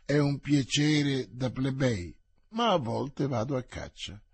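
A man reading the part of a boastful, slow-witted, hearty male musketeer in an audiobook, with bluff exclamations. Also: mid-range voice, expressive, gravelly, husky, no room sound, exaggerated voice.

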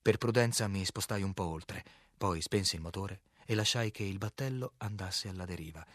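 A man narrating a novel as an audiobook, reading in a measured, clear way and acting out the quoted lines. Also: deep voice, no room sound, studio quality.

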